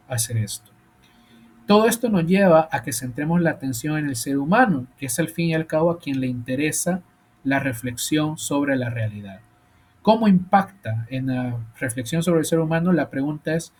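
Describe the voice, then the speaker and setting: A man from El Salvador delivers a university philosophy lecture, thinking aloud with lots of fillers and rhetorical questions. His voice is husky, slightly high and a bit mellow.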